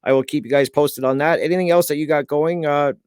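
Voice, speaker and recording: A man's voice: a little high, steady tone, fast, a little mellow, smooth, no echo. A man hosting a podcast in a casual interview, friendly and encouraging as he wraps up. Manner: friendly and encouraging, repeats praise. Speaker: podcast host.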